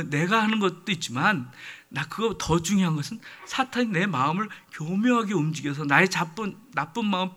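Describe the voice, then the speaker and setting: A man's voice: sits high, a bit bright. A man preaching a sermon as pastor, earnest and addressing the congregation directly.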